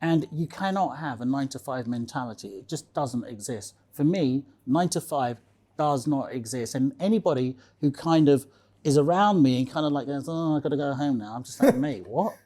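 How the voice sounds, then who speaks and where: Speaking at a normal speed, this man has a warm, mid-range voice with lively intonation. As a casual interview guest he tells stories emphatically, says things more than once, and tacks "okay?" onto his statements to check in with the listener.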